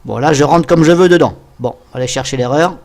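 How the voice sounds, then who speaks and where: A man narrating a casual software tutorial, thinking aloud as he goes and talking to viewers with frequent hesitant fillers. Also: a little high, quick pace, creaky. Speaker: tutorial host.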